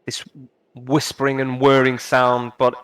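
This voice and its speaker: Male game master, smooth voice, halting narration full of fillers and restarts. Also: medium pitch, monotone, a bit bright, low-quality recording.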